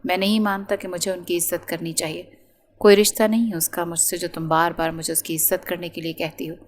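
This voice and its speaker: A woman's voice: on the low side, level tone, close to an everyday voice. A woman voicing a possessive, angry young man who makes harsh threats in a romance audiobook. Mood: resentful. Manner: harsh, accusing.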